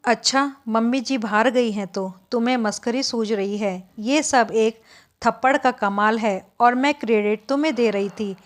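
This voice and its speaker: Brief: female storyteller, slightly high voice, scripted narration, voices each character without changing her own voice. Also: unhurried. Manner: reads every role in her own voice.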